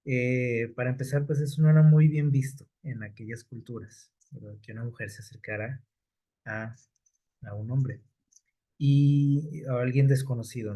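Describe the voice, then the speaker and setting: A man's voice: mid-range voice, warm tone. Male preacher. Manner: unhurried, many fillers and checking questions. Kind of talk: sermon.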